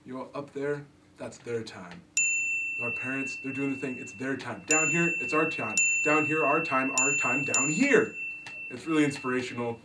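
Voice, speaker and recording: A man's voice: medium pitch, normal speed. A man retelling a film plot in a comedy bit, wry and playful with mock-inspirational asides. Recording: distant mic with clear room noise.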